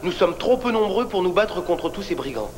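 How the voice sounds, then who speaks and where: A man voicing a calm, level-headed teenage boy in a French cartoon dub, speaking in a measured, reassuring way. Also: sits high, a little hiss or hum.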